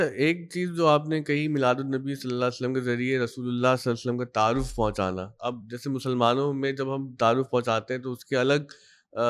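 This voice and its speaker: A man hosting a podcast interview, asking long, measured questions. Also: mid-range voice, smooth. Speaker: interviewer, journalist.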